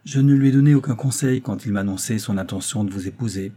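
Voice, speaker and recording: Man voicing stern calm doctor, grave, authoritative, low husky voice, audiobook. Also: quick pace. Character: stern calm male doctor, family friend.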